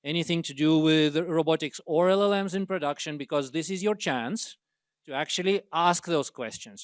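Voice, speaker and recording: Clear-voiced man opening a seminar. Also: fairly high pitch, no echo, clean studio sound. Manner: hesitant, many uh fillers, earnest. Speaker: seminar host. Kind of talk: opening remarks introducing speakers. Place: university seminar room.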